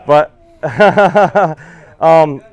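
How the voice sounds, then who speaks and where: A man's voice: fairly high pitch, drawn-out words. A man giving a casual, rambling, folksy seminar talk about fishing to an audience. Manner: rambling, folksy, self-correcting.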